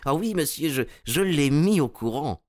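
A man's voice: a little high, lively intonation, moderate pace, voice pushed up, close to an everyday voice. A man voicing a timid elderly male collector, meek, polite and a little stammering.

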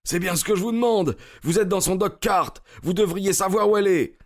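A man voicing a desperate, armed young stranger who shouts in a strained, high voice in an audiobook story. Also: brisk. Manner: shouting, high-pitched outbursts. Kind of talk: audiobook character reading.

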